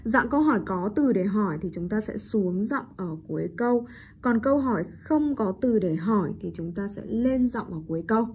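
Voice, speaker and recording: A woman's voice: medium pitch, animated, moderate pace, darkish tone, slightly rough. A woman English teacher giving a bilingual classroom lesson on intonation, checking in with her listeners and correcting herself as she goes. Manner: keeps checking in with listeners, repeats rhetorical tag questions; mixes in short English words and self-corrections.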